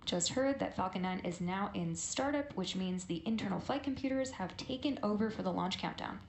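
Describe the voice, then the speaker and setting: A woman's voice: medium pitch, expressive, moderate pace. A woman giving fluent, polished live explanatory commentary as a launch webcast host, recorded with room echo and some noise. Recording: roomy echo, background noise.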